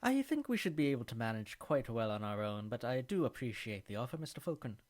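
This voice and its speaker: A man voicing a polite, formal company representative who talks smoothly and persuasively. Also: medium pitch, big pitch swings, fast, a little mellow, lightly acted.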